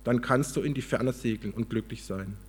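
A man with a slightly husky voice voicing a gentle, giving apple tree, speaking tenderly and apologetically. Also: medium pitch, moderate pace, lightly acted.

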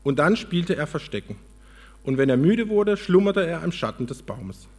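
A man preaching a sermon, telling a story in a calm, earnest way. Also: a little high, moderate pace, big-room sound.

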